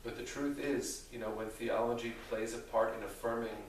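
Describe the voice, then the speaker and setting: A man speaking as a rabbi, answering theological questions in a deliberate, thoughtful way with careful qualifications. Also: medium pitch, steady tone. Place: reverberant indoor room with an audience. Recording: very echoey room, distant mic, faint noise.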